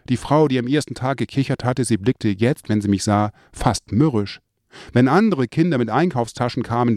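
A man reading his own memoir aloud, telling a childhood story in a lively way and lifting his voice for the remembered lines. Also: medium pitch, no echo, studio quality. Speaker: narrator.

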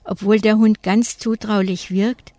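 Female audiobook narrator, slow, clear read, dry sound. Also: mid-range voice, flat delivery, dark tone, dry recording.

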